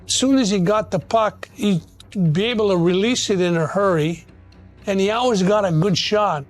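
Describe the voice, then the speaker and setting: High-voiced man in a hockey interview. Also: normal speed, faint music behind. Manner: casual, with fillers. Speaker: former player interviewee.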